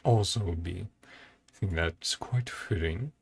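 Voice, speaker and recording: Host of a reaction and ranking video, a man offers casual, off-the-cuff commentary, thinking aloud in short broken phrases. His low-pitched voice is unhurried, with vocal fry and a breathy edge. Music plays behind him.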